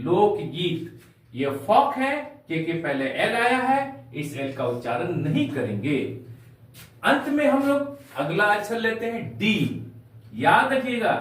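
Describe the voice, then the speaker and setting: Slow, lively-voiced male English teacher. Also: sits high. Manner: slow, spells words letter by letter, calls viewers dear children. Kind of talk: spoken English lesson. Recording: echoey room, voice from far off the mic.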